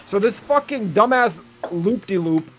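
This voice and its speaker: A man's voice: high-pitched, animated, unhurried, slight background noise. A young man, swearing and complaining in casual banter while racing in a game with friends. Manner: swears a lot, complains loudly. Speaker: gamer.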